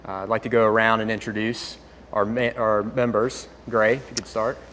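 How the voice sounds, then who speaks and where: A man's voice: fairly low pitch, level tone, normal speed, a bit bright, slight background noise. A young man from East Tennessee, a resident moderating a panel and guiding questions. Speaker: moderator, fifth-year resident. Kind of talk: panel discussion.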